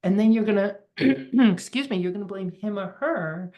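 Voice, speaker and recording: A woman hosting a podcast interview, speaking in a measured, reflective way and summing up her guest's points. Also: medium pitch, highs cut off. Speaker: podcast host and coach.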